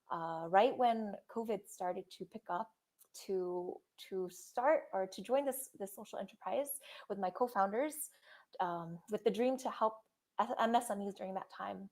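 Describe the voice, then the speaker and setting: A woman's voice: mid-range voice, darkish tone. Friendly young woman. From Indonesia. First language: Indonesian. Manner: friendly, with frequent fillers and light laughter. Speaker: guest, startup founder. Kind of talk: casual interview conversation.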